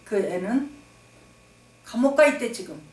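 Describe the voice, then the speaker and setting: A woman's voice: on the high side, big pitch swings, measured pace, darkish tone. A woman pastor preaching emphatically, repeating phrases for stress and calling for amens. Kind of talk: sermon. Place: church sanctuary. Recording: echoey hall, distant mic.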